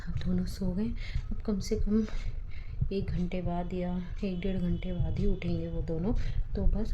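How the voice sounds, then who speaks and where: A young woman, a mother of twins, chatting casually at home in a vlog and speaking softly at times. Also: fairly low pitch, highs cut off, noisy background. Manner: chatty and affectionate, soft-spoken while babies sleep.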